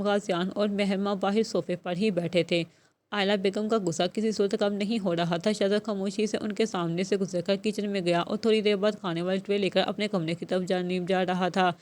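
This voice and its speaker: A woman narrating a romance novel aloud, steady and measured, with a mid-range voice. Her pace is even and the delivery scripted. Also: mid-range voice. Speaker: novel reader.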